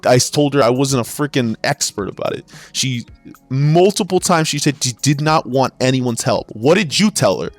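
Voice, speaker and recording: A man's voice: medium pitch, lively intonation, moderate pace, faint music behind. A man who works in retail sales, telling stories in an exasperated, profane rant with frequent stumbles and restarts. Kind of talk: ranting storytelling.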